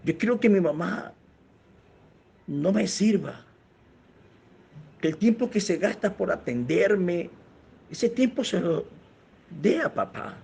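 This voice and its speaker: A man's voice: a little high, expressive, slow pace, gravelly, darkish tone, slight background noise, heavily acted. A pastor retelling the words of a young man who fears his parents will divorce, quoted in an earnest, pleading way. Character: tearful teenage boy fearing his parents' divorce.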